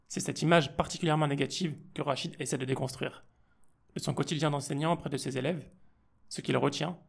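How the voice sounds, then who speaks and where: A man hosting an interview podcast, calm and polite as he welcomes his guest. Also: mid-range voice, vocal fry. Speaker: podcast host. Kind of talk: casual interview talk.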